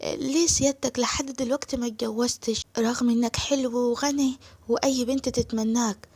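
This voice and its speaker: A woman's voice: fairly high pitch, fairly even intonation, brisk, darkish tone, slightly rough. A woman voicing a shy young woman with an Egyptian accent, speaking hesitantly and sweetly.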